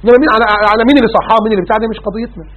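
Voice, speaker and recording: A man with an Egyptian Arabic accent preaches at breakneck speed, his fairly high voice husky and rough. He pelts the listener with rhetorical questions and quotes scripture. The sound is thin and narrow, like a phone line. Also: racing. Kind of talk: religious talk show sermon. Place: studio.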